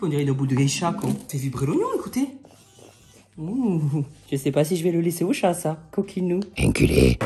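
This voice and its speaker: A woman's voice: mid-range voice, noisy background. A woman from France, chatting casually on her home vlog, joking crudely and mocking herself. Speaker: vlogger.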